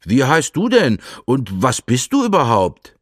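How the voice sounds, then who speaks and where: A man doing a slow grumbly bear cub. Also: mid-range voice, wildly swooping pitch, no echo, clean studio sound, pitched above the performer's own voice. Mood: grumpy. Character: chubby young bear cub, easily offended.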